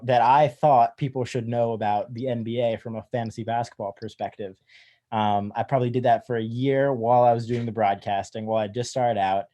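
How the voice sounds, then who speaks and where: Young man, mellow voice, relaxed storytelling, fillers, video call guest. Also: mid-range voice. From United States. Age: young adult. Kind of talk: casual interview.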